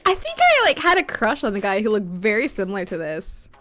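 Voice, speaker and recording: A woman's voice: medium pitch, big pitch swings, a little fast, bright, forceful tone. A woman from Texas streaming a game on a headset mic, chatting and laughing often as she reads along. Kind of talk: live game stream commentary and reading.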